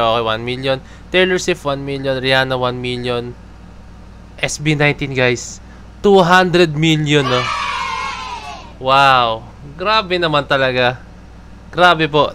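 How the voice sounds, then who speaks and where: A man's voice: mid-range voice, bright, forceful tone, a little hiss or hum. A man with a Filipino accent hosting casual fan commentary, chatty and peppering his sentences with filler tags.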